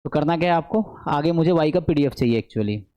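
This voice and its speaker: A man giving an online statistics lecture, explaining step by step, often checking in with the class and slowing down to dictate formulas. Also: a little high, expressive, clear, resonant tone, muffled recording. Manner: mixes English math terms into speech; slows to dictate formulas aloud. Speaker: statistics teacher.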